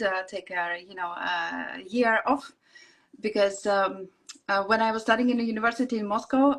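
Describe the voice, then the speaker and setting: A woman in her forties with a Russian accent, a guest chatting on a video call, full of fillers and quick laughs. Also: medium pitch. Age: 40s. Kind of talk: casual interview chat.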